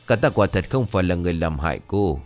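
A man voicing an old male exorcist master, calm and sly, in a ghost storybook. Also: sits low, soft background music. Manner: chuckling, unhurried.

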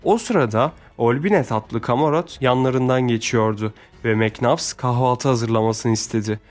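Measured male audiobook narrator. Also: mid-range voice, darkish tone, faint music behind.

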